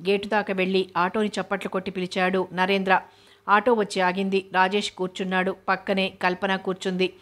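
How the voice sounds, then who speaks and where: Lady reading a novel aloud, super even flat tone. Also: mid-range voice, fairly quick. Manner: steady, even narration. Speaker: novel reader.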